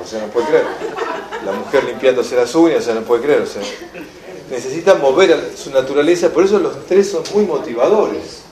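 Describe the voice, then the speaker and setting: A man with a Rioplatense Spanish accent teaching a seminar, telling lively anecdotes and acting out the people in them. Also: mid-range voice, roomy sound. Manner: animated storyteller, acts out shouted quotes. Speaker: enneagram teacher.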